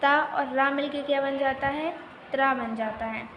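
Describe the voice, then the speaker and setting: A woman's voice: high-pitched, steady tone, measured pace, muffled recording. A woman teacher giving a primary school grammar lesson, asking questions and answering them herself as she spells out syllables. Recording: echoey room with faint noise.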